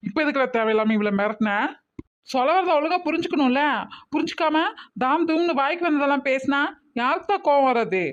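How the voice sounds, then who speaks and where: A woman's voice: high-pitched, close to an everyday voice. A woman voicing a bossy, scolding adult woman in a cartoon family drama, emphatic and full of rhetorical questions. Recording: slightly muffled recording.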